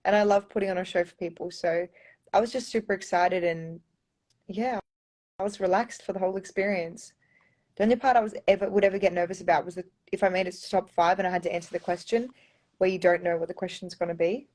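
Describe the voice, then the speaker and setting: A woman's voice: lowish voice, fairly even intonation, fast talker, a little mellow. Young Australian woman, casual live Q&A into a phone, talkative and loose. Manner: chatty, reads viewer comments aloud, often says um and like. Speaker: pageant contestant answering fans.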